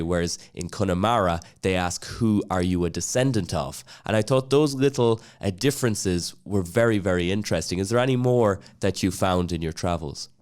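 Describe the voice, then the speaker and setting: A man hosting a podcast, asking a guest questions in a relaxed, measured way. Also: low voice. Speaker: podcast host. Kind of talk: casual interview talk.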